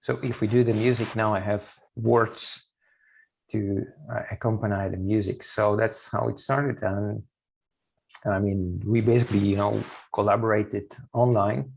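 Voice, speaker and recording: A man in his late thirties speaking as a guest in a casual interview, halting, with many fillers and restarts. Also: on the low side, little pitch movement, creaky, a little mellow, muffled recording, slight background noise. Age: late 30s. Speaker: guest musician.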